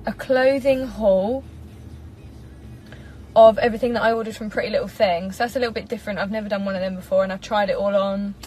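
A medium-pitched, darkish voice with a steady tone and a fast pace comes from an English woman in her twenties, a singer chatting casually on a live stream. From a parked car she reads comments into a propped-up phone, chatty, bubbly and giggly. The audio is poor.

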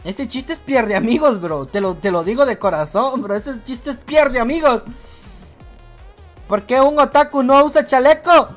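A woman's voice: sits high, unhurried, soft background music. A woman from Guatemala with a Guatemalan Spanish accent, hosting a livestream and reading viewers' jokes aloud in a playful, teasing way, always calling people "bro". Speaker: livestream host.

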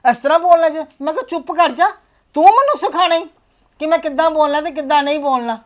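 Sex: woman. Figure: harsh mother scorning her in-laws. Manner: scolding, sharp-tongued. Pitch: high. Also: animated, fast. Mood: complaining. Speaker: mother and daughter-in-law. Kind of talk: family drama acting.

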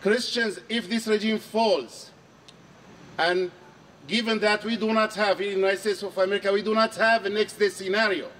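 A middle-aged man from Syria giving an earnest, measured speech at an outdoor protest, repeating key phrases for emphasis. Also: sits high, fairly even intonation, a bit bright, distant mic, a little hiss or hum. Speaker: archbishop speaking at a rally. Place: outdoor square under trees. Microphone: handheld mic on a stand.

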